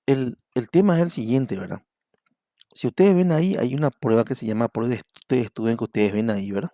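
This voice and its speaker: A middle-aged man with a Paraguayan Spanish accent teaches an online university class. His voice is gravelly and dark. He talks in a patient, explanatory way and keeps asking the class whether they follow. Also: mid-range voice, lively intonation, fairly quick, no room sound, clean studio sound. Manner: explanatory, repeatedly asks "¿verdad?". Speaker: university lecturer.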